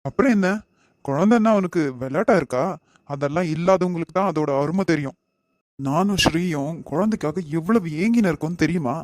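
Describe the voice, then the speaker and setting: Guy doing earnest protective uncle in a cartoon, bit high voice, dry close mic, kanyakumari tamil accent, lectures a lot. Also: fairly quick, darkish tone, dry recording, close to an everyday voice. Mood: lecturing. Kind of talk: animated family drama voice acting.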